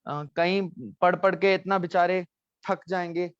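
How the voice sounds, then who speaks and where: Man teaching a lively online class. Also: high voice, smooth, no echo. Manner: repeats words slowly, quizzes students. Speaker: language teacher. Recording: dull lo-fi sound.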